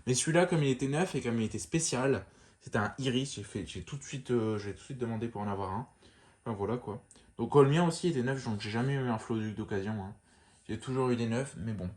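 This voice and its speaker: A man giving a casual show-and-tell of a lamp, talking in a relaxed, rambling way full of fillers and restarts. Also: medium pitch, fast talker. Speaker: lamp collector showing a fixture.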